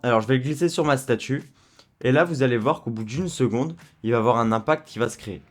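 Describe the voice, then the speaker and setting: A man walking viewers through a software tutorial in a relaxed, chatty way, with frequent fillers. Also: medium pitch, fast talker, faint music behind. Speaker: tutorial host. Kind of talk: screen-recorded software tutorial.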